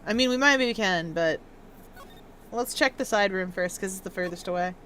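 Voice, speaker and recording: A woman's voice: medium pitch, normal speed, fairly bright tone, a little hiss or hum. A woman giving casual, playful commentary as she plays through a game, with chatty asides. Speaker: gaming streamer. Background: music.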